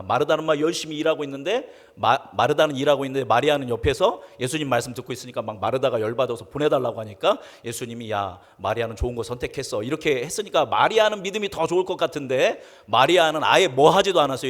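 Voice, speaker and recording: A male pastor preaching a sermon, who asks his congregation questions and answers them himself, and reads scripture slowly and solemnly. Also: mid-range voice, a bit bright. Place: church sanctuary. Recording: long reverb of a church sanctuary.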